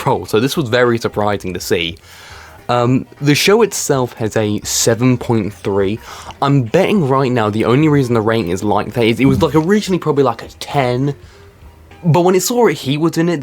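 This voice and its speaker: A young man from Britain giving casual, sarcastic commentary as he reads comments aloud and mocks what he finds. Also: medium pitch. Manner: sarcastic, mocking, swears freely. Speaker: YouTube commentary creator.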